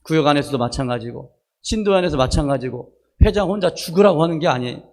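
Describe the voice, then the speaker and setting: Higher-voiced pastor preaching. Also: male voice, lively intonation, quick pace. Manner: conversational preaching with personal stories and calls of "amen?" to the congregation. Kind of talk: sermon. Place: church worship service.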